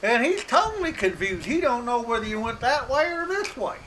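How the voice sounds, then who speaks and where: Middle-aged man, high-pitched rural drawl, deadpan comic monologue, outdoor mic with wind noise. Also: normal speed, poor audio. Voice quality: slightly hoarse. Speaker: comedic hunting show host.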